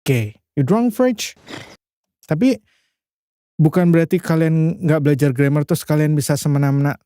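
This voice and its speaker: A man's voice: a little high, moderate pace, warm tone, clear, resonant tone, no room sound, studio quality. A man from Indonesia teaching English in a casual, chatty screen-share lesson, with loose phrasing and frequent restarts. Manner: chatty, loose, many filler tags and restarts. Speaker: English tutor.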